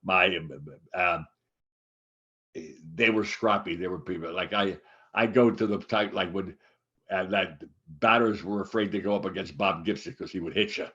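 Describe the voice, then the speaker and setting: A man in his eighties, co-hosting a casual chat show, rambling with many halting restarts and fillers. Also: sits low, pushed and bright. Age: 80s. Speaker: podcast co-host. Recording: dull lo-fi sound.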